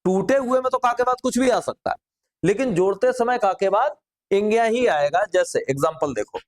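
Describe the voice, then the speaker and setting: A man in middle age with a notably high-pitched voice leads a grammar lesson. He keeps the class engaged by asking them questions and answering them himself. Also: expressive, moderate pace. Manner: drills students with rhetorical questions. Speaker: teacher.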